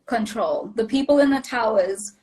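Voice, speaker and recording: A woman's voice: on the high side, normal speed, mellow, poor audio. Chatty woman pilot on a call. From South Africa. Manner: chatty, apologetic, laughs easily, explains step by step. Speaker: pilot being interviewed. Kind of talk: casual interview answers. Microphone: video call.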